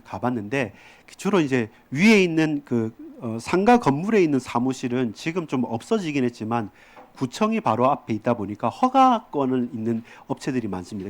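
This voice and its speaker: Korean pastor preaching conversationally. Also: male voice, mid-range voice, a little mellow. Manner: explanatory, conversational preaching with fillers. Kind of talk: sermon.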